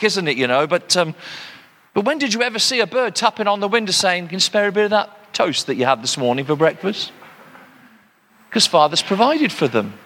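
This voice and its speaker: An older man from Britain delivers a sermon with a high, bright voice that rings out. His delivery is conversational, with joking asides to the congregation. The long reverb of a large hall hangs on every phrase. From United Kingdom. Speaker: preacher.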